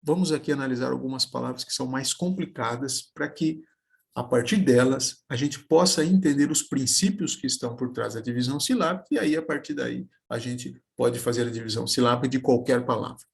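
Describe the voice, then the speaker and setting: A man teaching a video lesson, slowly sounding out example words syllable by syllable. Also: mid-range voice, creaky, slightly rough. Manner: slow, careful, spelling words out syllable by syllable.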